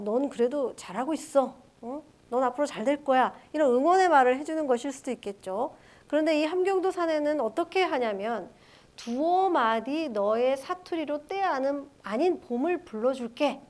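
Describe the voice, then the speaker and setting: A woman with a somewhat high voice gives a recorded university literature lecture. She reads the poem's lines aloud, then explains them and poses rhetorical questions to the students. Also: a little mellow. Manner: explains poem line by line, asks rhetorical questions.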